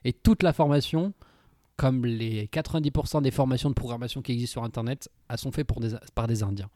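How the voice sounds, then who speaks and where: A young man chatting casually with a friend, slangy and relaxed, with lots of hesitations. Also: medium pitch, fast talker, no room sound, clean studio sound. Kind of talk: casual chat between friends.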